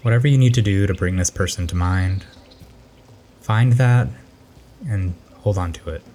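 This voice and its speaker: Gentle and in no rush, this man guides a meditation in a low, warm, dark voice. A faint noise sits underneath his narration.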